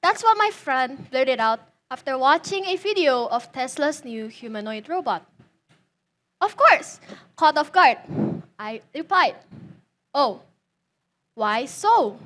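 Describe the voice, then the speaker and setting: Teen girl student, high voice, delivering a prepared thesis speech with dramatic flair. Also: expressive, moderate pace, hardly any pauses, a bit bright. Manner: dramatic, rhetorical questions. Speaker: student defending a senior thesis.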